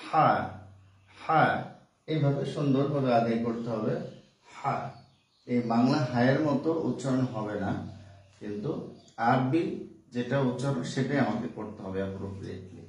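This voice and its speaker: A man teaching pronunciation step by step, repeating each sound slowly several times. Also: mid-range voice, darkish tone. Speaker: Quran reading teacher. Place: home room. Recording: echoey room, distant from the mic.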